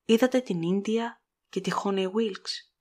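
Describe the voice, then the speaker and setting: A woman voicing a gentle, timid young woman who speaks softly and anxiously in an audiobook. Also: medium pitch, lightly acted. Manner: soft, anxious, hurried.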